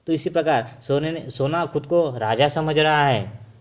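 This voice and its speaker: A man's voice: fairly high pitch, a little slow. Male teacher explaining a lesson. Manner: repetitive questioning, addresses students directly.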